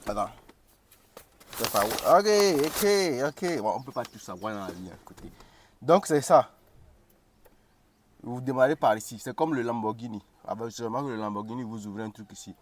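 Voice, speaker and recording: A man's voice: medium pitch, lively intonation, normal speed, pauses often, slight background noise. A man with a Cameroonian accent, chatting and joking through a casual car review while driving. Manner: chatty and joking, shows features as he goes. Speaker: car vlogger.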